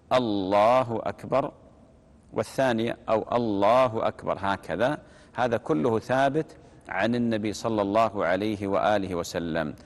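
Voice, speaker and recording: A man giving religious instruction on prayer, repeating key phrases and demonstrating them slowly. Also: mid-range voice. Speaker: religious teacher. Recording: long reverb.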